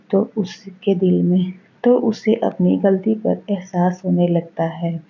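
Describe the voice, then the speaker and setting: Slow gravelly woman storyteller. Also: on the low side. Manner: simple, repetitive storytelling. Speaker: narrator. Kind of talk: storytelling narration. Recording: dull lo-fi recording.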